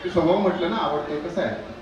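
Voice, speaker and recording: A man with a high voice hosts a pre-wedding celebration, teasing the couple and pushing the crowd to cheer. He is heard from some distance through a strongly echoing venue. Clear background noise of the gathering sits under his voice. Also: brisk, lo-fi sound. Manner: energetic, urges the crowd to clap and cheer. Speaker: event anchor at a pre-wedding sangeet. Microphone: handheld microphone through the house speakers.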